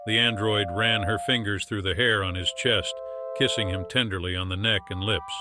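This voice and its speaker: A man narrating a science fiction audiobook in a measured storytelling delivery, over music. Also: lowish voice, fairly even intonation. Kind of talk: scripted narration.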